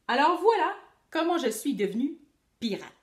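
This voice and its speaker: A teacher reading a picture book aloud to children, expressive and addressing the young listeners directly. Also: female voice, high voice, normal speed, roomy sound, very noisy. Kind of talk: children's storytelling read-aloud.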